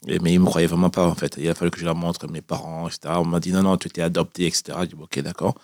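A Cameroonian man in his forties, a radio interview guest, tells his own story spontaneously, conversational and repetitive. His deep, darkish voice is flat and rapid-fire. The recording is dry, studio quality.

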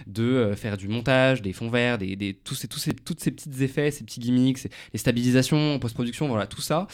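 A man's voice: medium pitch, fairly even intonation, a little fast. A man, a short-film director, speaking as a guest on a casual radio interview, thinking aloud and searching for words.

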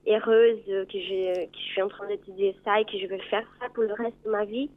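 A Brazilian woman in her twenties, a native Portuguese speaker with a Brazilian accent, calling in to a radio talk show and speaking hesitantly with many filler pauses. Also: medium pitch, fairly even intonation. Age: 20s. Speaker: caller. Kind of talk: radio call-in chat. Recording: tinny phone line.

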